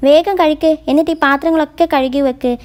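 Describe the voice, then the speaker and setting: A woman voicing a calm young man who gently reassures and teases his girlfriend, read in her own voice. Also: high voice, fast talker, natural voice. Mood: tender. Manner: gentle, reassuring, quietly playful.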